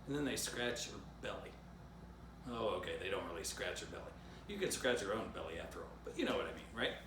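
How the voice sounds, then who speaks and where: Reading his own children's story aloud, a man with a lowish voice moves quickly and swings his pitch widely, tossing playful asides straight to young listeners. The recording has a roomy echo and background noise.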